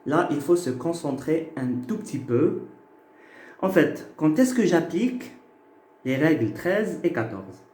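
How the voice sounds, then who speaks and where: A man's voice: a little high, sing-song, darkish tone. A man teaching a phonetics lesson, explaining patiently and checking that listeners follow. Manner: slow, patient, checks in with "ok?" and "d'accord?". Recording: echoey room.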